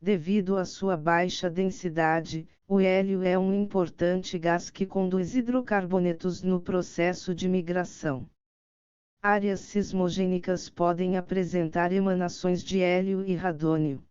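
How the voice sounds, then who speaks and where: A woman narrates formal, encyclopedic text with a measured delivery. Her voice is on the low side and very smooth and crisp. The sound is dry, with a slightly dull, lo-fi finish. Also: steady tone, darkish tone, no echo. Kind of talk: scripted audiobook narration of an encyclopedic article.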